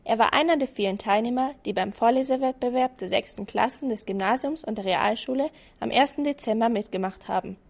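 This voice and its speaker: A woman with a higher voice reads school radio announcements. Her scripted delivery is upbeat and direct to the listeners. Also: brisk, gravelly, few pauses.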